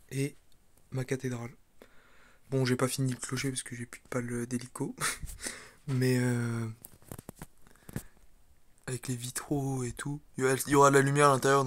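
A man giving a relaxed, hesitant walkthrough of his model build, with many fillers and restarts, filming on a handheld camera. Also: medium pitch. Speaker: video creator presenting his model build. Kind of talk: casual walkthrough commentary.

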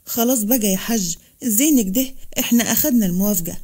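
A commanding Upper Egyptian man, blunt and possessive, talking quickly with a soft, mellow tone, as a woman narrator voices him. He comes from a storybook reading and sounds like someone used to getting his way. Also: medium pitch, breathy edge, natural voice. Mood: affectionate.

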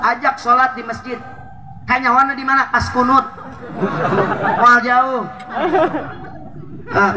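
A man's voice: extremely high pitch, noisy background. A man with a Sundanese accent giving a humorous sermon at an outdoor village gathering, joking and asking the crowd questions. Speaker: preacher.

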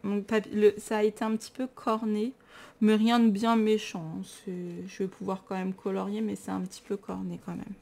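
Her mid-range voice is level and darkish, with vocal fry, at a moderate pace. She's a tired vlogger with a French accent, showing her books in a casual, enthusiastic chat and making fun of herself.

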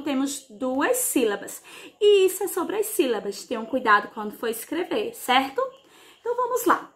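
A woman with a high, bright voice teaches a class of young children for a broadcast lesson. She talks slowly and in a sing-song way, stretching out sounds and asking little questions to keep the kids following. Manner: slow, sing-song teacher talk with diminutives. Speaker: primary school teacher. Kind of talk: televised remote class for children.

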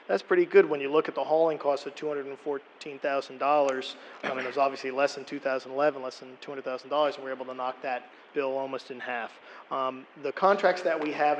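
A man's voice: medium pitch, a little hiss or hum, low-quality recording. Middle-aged man presenting at a council meeting. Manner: plain explanatory, many ums and restarts. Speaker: borough official presenting to council. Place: council meeting room, indoors. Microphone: podium microphone.

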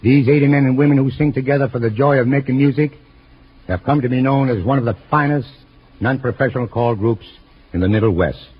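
A man announcing in a measured, polished 1940s radio style, heard through an old broadcast recording. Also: mid-range voice. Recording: muffled old radio broadcast with faint hiss.

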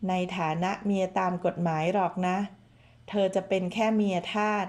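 Woman reading as a menacing vengeful husband, contemptuous, mellow tone, audiobook novel reading. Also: medium pitch, steady tone, normal speed, lightly acted. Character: cold vengeful domineering husband, grown man.

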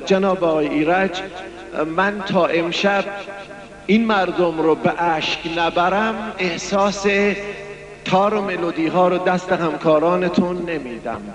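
A man recites poetry and tells a devotional tale in a fervent, declamatory, pleading way. His voice is raised and high. Clear music plays beneath him. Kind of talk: emotional poetry recitation and storytelling. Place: live religious gathering.

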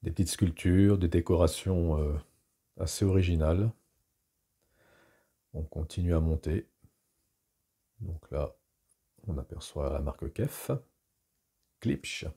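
A man narrating a walking tour through a multi-floor hi-fi store, with a relaxed guide's delivery and occasional fillers. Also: low voice, slow, pauses often, husky. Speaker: guide giving a shop tour.

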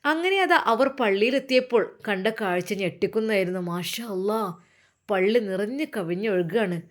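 A woman's voice: medium pitch, lively intonation, normal speed. A woman storyteller with a Malappuram Malayalam accent tells the tale in an emphatic, exclaiming way. Her mid-range voice carries the narration with dramatic stress.

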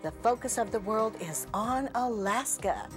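Lively woman TV show host. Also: on the high side, measured pace, over music. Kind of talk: broadcast presenting. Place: TV studio.

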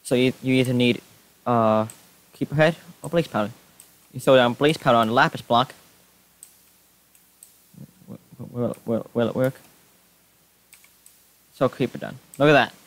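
Young guy narrating his game, mid-pitched voice, gets jumpy and yells when stuff attacks him. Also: unhurried, long pauses, no echo. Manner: excitable, yelps and shouts when startled. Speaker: Minecraft YouTuber. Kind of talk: casual gameplay commentary.

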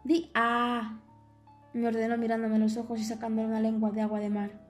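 A woman's voice: fairly high pitch, completely flat delivery, fairly quick, faint music behind, lightly acted. A woman voicing a pair of mocking, gossipy sea waves in an audiobook, squealing and melodramatic. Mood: bossy. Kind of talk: audiobook character voice.

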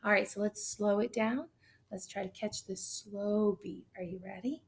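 Her voice is medium in pitch with fairly even intonation and a normal speed, and the audio is very noisy. A woman in her thirties, she counts beats and reads a picture book aloud brightly for an online class, heard over a webcam on a video call in a small room.

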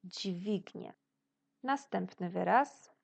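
Polish woman teacher, slow and gravelly, patient lesson for small children. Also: medium pitch, darkish tone. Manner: praises pupils' imagined answers. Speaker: primary school teacher. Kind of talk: recorded video lesson for children.

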